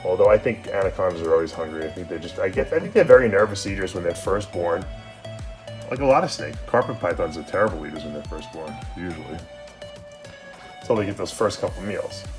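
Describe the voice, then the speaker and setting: A man who breeds snakes, talking casually through a feeding vlog and sometimes dropping to a hushed voice. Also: deep voice, quick pace. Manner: chatty, drops to a hush. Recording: background music.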